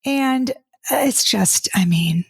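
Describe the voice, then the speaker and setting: A woman in her 50s, a podcast host and dating coach, talks through listener comments on her casual solo show, reading each aloud first and answering in a chatty, exasperated way with stumbles and restarts. Her mid-range voice is creaky and slightly rough, slow, with lively intonation. It's studio quality with no room sound.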